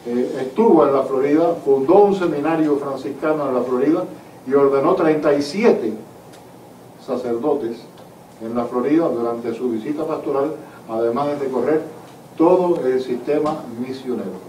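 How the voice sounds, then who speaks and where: Cuban-born male historian at a book talk, earnest and emphatic, mid pitch, distant mic, reverberant room. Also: normal speed, dark tone. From Cuba. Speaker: author and historian. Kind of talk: answering audience questions at a book talk. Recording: echoey hall from far off, faint noise.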